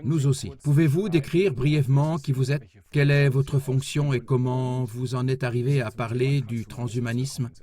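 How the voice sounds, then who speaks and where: A man's voice: mid-range voice, steady tone, normal speed, few pauses, mellow, close to an everyday voice. A man voicing an interviewer, asking formal questions.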